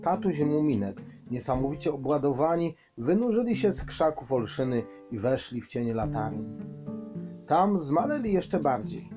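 A man reading a children's story aloud in a calm, measured way. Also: on the high side, highs cut off, over music. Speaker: audiobook narrator.

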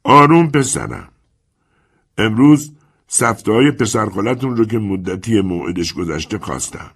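A male narrator voices a sickly old moneylender in an audiobook, a cold schemer who never raises his voice. The voice sits far higher than the reader's own and stays husky and gravelly. He speaks slowly and softly, with calm menace in every word. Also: exaggerated voice. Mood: calm, sly. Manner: soft, slow, calmly menacing. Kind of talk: audiobook character voice.

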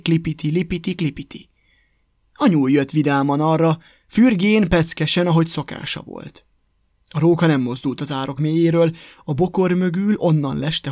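A man narrating a folk tale as a storybook reader, with a lively, rhythmic telling on a close mic. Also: a little high, no room sound. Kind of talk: storybook reading.

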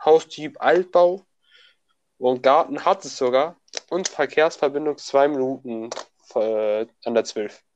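Brief: young male student, casual slangy chat, even voice, faint hiss behind. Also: medium pitch, unhurried, highs cut off. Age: young adult. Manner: slangy, laughs often, restarts words.

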